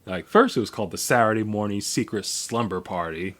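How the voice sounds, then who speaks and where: A man's voice: lowish voice, brisk, a bit bright. A man co-hosting a podcast in casual chat, rambling through a history with many fillers and restarts. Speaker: podcast co-host.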